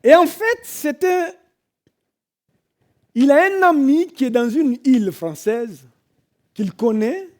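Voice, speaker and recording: Male French preacher, very high pitch, slow dramatic delivery, hushed to shouting. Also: lively intonation. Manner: dramatic storytelling, swelling from hushed to shouting and singing. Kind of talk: sermon storytelling. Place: church.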